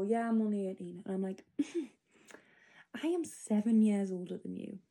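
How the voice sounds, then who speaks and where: A woman's voice: medium pitch, dark tone. A 25-year-old woman rambling through a spoken diary entry, casual and full of fillers. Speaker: podcast host.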